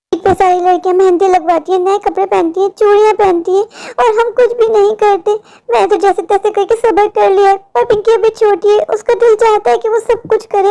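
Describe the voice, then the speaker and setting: A poor young woman from a cartoon, the worried older sister of the family. She talks in a very high, thin voice, pleading and worn down. Her sorrow runs through every line. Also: mellow. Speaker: cartoon character. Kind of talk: Hindi cartoon voice acting.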